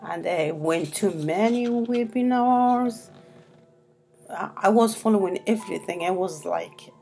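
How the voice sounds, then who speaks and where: A Moroccan woman whose first language is Arabic hosts a self-publishing tutorial in English, rambling unscripted with plenty of restarts and fillers. Her voice is medium-pitched and dark, with vocal fry.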